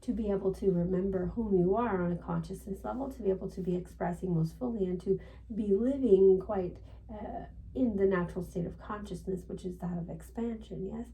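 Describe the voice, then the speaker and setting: A woman's voice: mid-range voice, a little fast, vocal fry, mellow, distant mic, natural voice, rough recording. A woman seance medium voicing a channeled spirit guide, formal and serene, in stilted instructive phrasing with questioning tags. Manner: formal, stilted phrasing, frequent tag "yes?".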